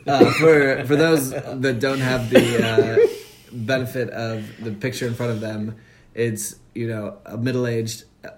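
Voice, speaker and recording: A man's voice: medium pitch, steady tone, unhurried. A man co-hosting a soccer podcast in casual chat, joking and hesitant with many fillers. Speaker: podcast co-host. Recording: echoey room with faint noise.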